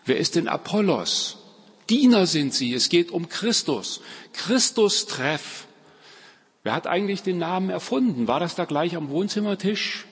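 Husky-voiced preacher in echoey hall. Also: male voice, high voice, lively intonation, measured pace. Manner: emphatic, repeats key phrases, varies loudness. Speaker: pastor. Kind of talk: farewell sermon.

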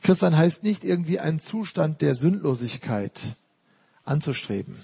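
Male pastor preaching a sermon, earnest and conversational, gravelly and husky. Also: on the high side, very animated, moderate pace, warm tone. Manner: earnest, with everyday asides.

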